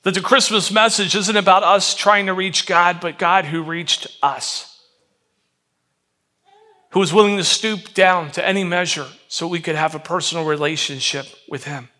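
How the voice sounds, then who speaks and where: A middle-aged pastor preaching a Christmas sermon in a high, bright voice. He tells the story earnestly and often drops to a softer, quieter tone for emotional moments. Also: fairly even intonation, moderate pace.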